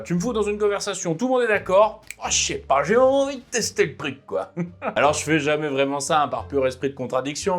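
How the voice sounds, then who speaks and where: Guy rambling about tabletop rpgs, kinda high voice, lots of "bah" and "hein". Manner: chatty, lively, drops fillers like "bah" and "hein". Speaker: tabletop RPG video host. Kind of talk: casual video essay.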